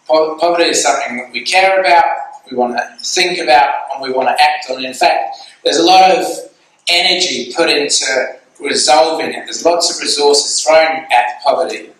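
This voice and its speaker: A man's voice: a little high, fairly bright tone. An Australian man giving an earnest, conversational guest talk at a church, telling stories. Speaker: guest speaker. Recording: echoey church hall, far from mic.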